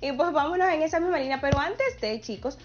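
Woman, broadcast host, upbeat, laughs often, higher voice, muffled studio audio. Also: lively intonation, fast talker. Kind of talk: broadcast interview.

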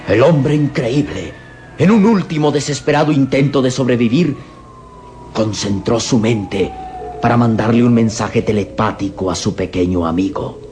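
A man narrating a dramatic radio serial in a theatrical, suspenseful manner with deliberate pauses. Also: mid-range voice, darkish tone, a little hiss or hum. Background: dramatic music.

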